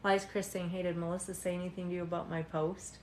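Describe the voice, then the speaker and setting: This tired tarot reader in her forties talks fast in a lowish voice with little pitch movement, joking with her livestream viewers and laughing frequently in casual chat. The low-quality recording is reverberant, with slight background noise.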